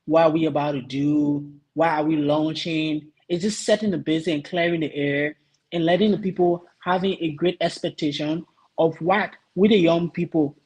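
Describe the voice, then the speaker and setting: A man from Liberia answering interview questions earnestly, pausing often with ums while he searches for words. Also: a little high, steady tone, darkish tone, husky, low-quality recording. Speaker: guest, youth association vice president.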